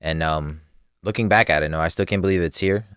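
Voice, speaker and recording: A man's voice: low voice, brisk, fairly bright tone, smooth, no room sound, clean studio sound. A young man from New chatting casually as a podcast guest, laid-back, laughing often and using street slang. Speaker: podcast guest, clothing brand co-owner.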